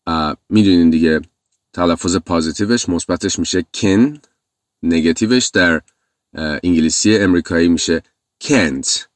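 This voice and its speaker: A man, a teacher, explaining in his own language and repeating English phrases slowly and clearly. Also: deep voice, dry recording, studio quality. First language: Persian.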